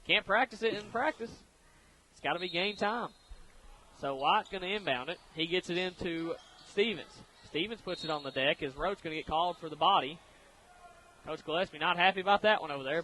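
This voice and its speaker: A man doing brisk, energetic radio play-by-play of a basketball game, chuckling easily between calls. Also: high voice, a little hiss or hum, poor audio. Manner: brisk, energetic call of the action with easy chuckles. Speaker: play-by-play announcer.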